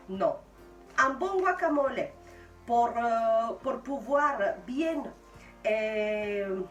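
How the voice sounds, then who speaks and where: A woman from Mexico with a Mexican accent, hosting a casual cooking tutorial and chatting with viewers as friends, pausing often to search for words. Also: high voice, a bit bright. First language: Spanish. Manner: chatty, addresses viewers as friends, frequent hesitations. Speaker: home cook host. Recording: roomy, from mic distance, faint music.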